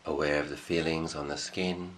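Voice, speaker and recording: Speaking in a very deep voice, a man acts as a meditation teacher. He keeps things calm, offering short measured phrases and pausing at length between them.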